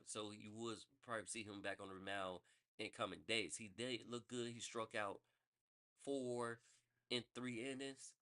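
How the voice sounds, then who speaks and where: A man with a mid-range, slightly bright voice hosts a sports podcast, giving a casual rundown of baseball news. He rambles loosely and corrects himself as he goes.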